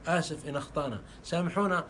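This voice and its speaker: A man's voice: a little high, very fast, fairly bright tone, slight background noise. A man delivering a fervent sermon, repeating phrases for emphasis. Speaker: preacher.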